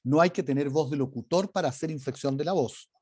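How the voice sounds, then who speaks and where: A man's voice: on the high side, brisk, a little mellow, breathy edge. A man teaching a leadership class online, talking emphatically and varying his intonation. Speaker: leadership course instructor. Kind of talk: online lecture.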